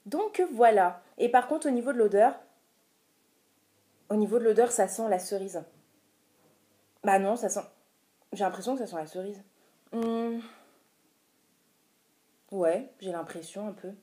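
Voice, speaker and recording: A woman's voice: mid-range voice, a little slow, pauses often, dark tone. A woman casually talking through a beauty haul vlog, chatty and hesitant, with many filler sounds. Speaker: beauty vlogger.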